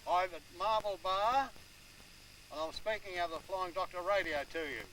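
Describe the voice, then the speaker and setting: A man's voice: high-pitched, normal speed. A man chatting on a travel home video, friendly and easygoing. He also talks over a two-way radio, ending each turn with "over". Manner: warm and chatty, says "love" and "over". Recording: distant camcorder mic with loud noise.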